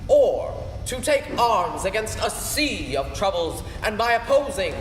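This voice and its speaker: A man's voice: high-pitched, sing-song, measured pace, faint music behind. Hamlet, brooding and declamatory, as a young man performs him. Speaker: student performer. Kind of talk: school stage play. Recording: echoey hall, distant mic, faint noise.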